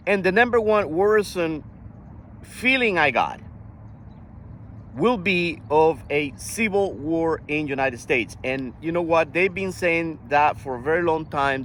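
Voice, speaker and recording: An older man from Costa Rica talking earnestly in a casual monologue, often halting and restarting his sentences. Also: fairly high pitch, fairly bright tone, slight background noise. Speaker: vlogger.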